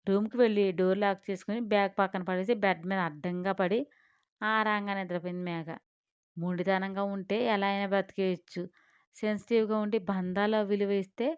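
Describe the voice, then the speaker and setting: A woman narrating a family drama audiobook in a steady, expressive reading. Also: mid-range voice, clean tone, no room sound. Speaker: storyteller. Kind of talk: scripted story narration. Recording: slightly dull lo-fi sound.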